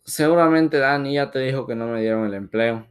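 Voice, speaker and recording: A man's voice: mid-range voice, a little fast, smooth, close to an everyday voice. A man voicing a young woman who is frustrated at work and close to tears. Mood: upset.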